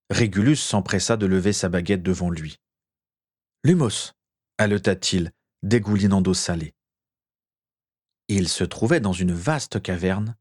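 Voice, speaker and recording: A man reading a story aloud with measured, expressive narration. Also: lowish voice.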